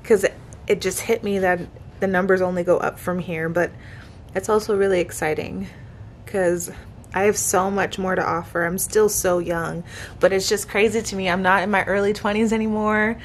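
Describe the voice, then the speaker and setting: Holding the camera close at arm's length, a woman of twenty-five shares casual, earnest, appreciative reflections from her hotel room. She speaks at a moderate pace with medium pitch and fairly even intonation, over a little hiss or hum.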